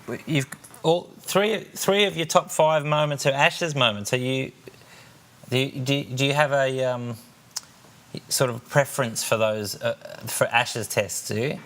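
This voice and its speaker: Male podcast co-host, mid pitch, chatty questioner. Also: a little slow, fairly bright tone. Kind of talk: casual chat.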